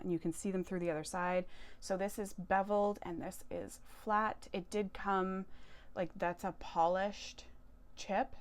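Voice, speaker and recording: A woman's voice: fairly low pitch, a little mellow. A woman chatting casually as she shows off a haul of crystals, enthusiastic and prone to correcting herself. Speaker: tarot and crystal vlogger. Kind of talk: casual show-and-tell haul.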